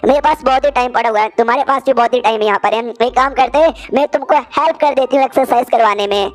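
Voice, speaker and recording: A woman's voice: on the high side, quick pace, natural voice. A woman voicing a feisty young wife in a comic recap, teasing and bossy.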